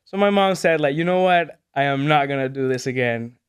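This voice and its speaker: Speaking a little fast in a fairly high pitch, a smooth-voiced Venezuelan man in his twenties talks casually as an interview guest. Spanish is his first language, and he's hesitant, full of fillers, and quick to laugh.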